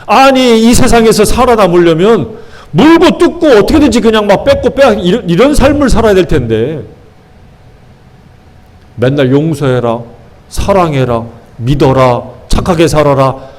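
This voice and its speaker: A man's voice: high voice, big pitch swings, moderate pace, darkish tone. A pastor voicing a worldly man who scoffs at living by faith, with an exasperated, mocking manner. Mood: scoffing.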